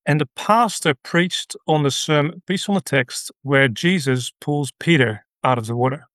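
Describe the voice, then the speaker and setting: Man, dutch accent, interview guest, earnest, halting, slightly high voice, dry close sound. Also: fairly bright tone, dry recording. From Netherlands. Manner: halting, earnest storytelling with many fillers. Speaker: guest, ministry leader. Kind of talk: conversational interview.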